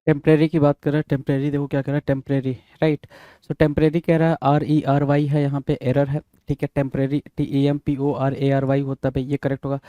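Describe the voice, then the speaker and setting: A man's voice: mid-range voice, monotone, quick pace, mellow, no echo. A man with an Indian accent teaching an English spelling lesson, going over answers casually and spelling words out letter by letter. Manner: casual, repeats words and spells them out letter by letter, says "bhai" often.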